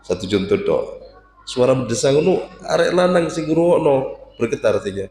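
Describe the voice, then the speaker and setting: A man teaching a casual religious class to students, lively and jokey, breaking into recitation to demonstrate. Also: medium pitch, moderate pace, reverberant, slight background noise. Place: prayer room with students.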